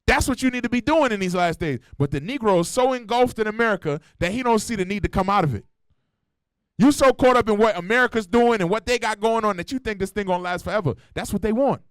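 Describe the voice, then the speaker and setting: High-voiced blunt street preacher man. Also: lively intonation, fast, clean tone, no room sound. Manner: blunt, slangy, profane, fires rhetorical questions at the room. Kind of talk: street-style sermon. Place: church meeting hall.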